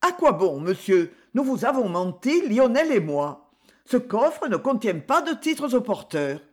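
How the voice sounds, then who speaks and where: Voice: medium pitch, sing-song, measured pace, voice pushed up. A reader voicing a resolute aristocratic lady in an audiobook, tense and firm in her refusals. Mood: pleading. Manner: tense, pleading then firm. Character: resolute aristocratic lady, shaken but defiant. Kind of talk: audiobook character voice.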